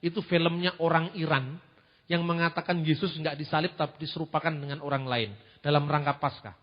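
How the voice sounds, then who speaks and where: A man preaches in an animated, questioning way, his voice sitting high. The recording is muffled and lo-fi, with a long reverb from the hall. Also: brisk. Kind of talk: sermon-style teaching.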